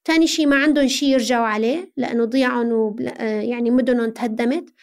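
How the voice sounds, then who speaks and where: A Syrian woman speaks in a high-pitched voice as she answers in an interview. Her delivery is conversational and earnest, laying out explanations and posing rhetorical questions as she goes. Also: fairly even intonation, fast talker, vocal fry, a little mellow. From Syria, Aleppo. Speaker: interview guest.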